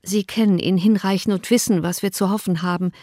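A woman's voice: mid-range voice, steady tone, brisk, mellow, no echo, studio quality, natural voice. A woman reading an audiobook, voicing a distraught, tearful young woman with a raised, pleading voice. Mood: anguished.

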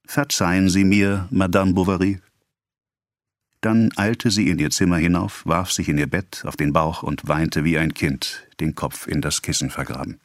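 A male narrator reads a novel in a measured, expressive way. His voice sits very low. The recording is dry and close, with no room sound. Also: no room sound. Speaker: audiobook narrator.

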